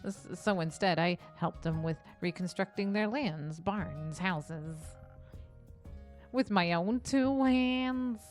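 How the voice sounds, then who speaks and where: A woman's voice: lowish voice, slow, darkish tone, faint music behind. A woman voicing a nerdy, eager young man who dreams of being a hero, talking earnestly and a little formally. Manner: earnest, wide-eyed and formal.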